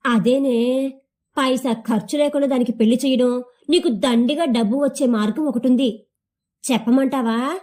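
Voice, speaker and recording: A woman's voice: high-pitched, moderate pace, long pauses, a little mellow, close to an everyday voice. A woman voicing a scheming younger sister with a coaxing, persuasive manner.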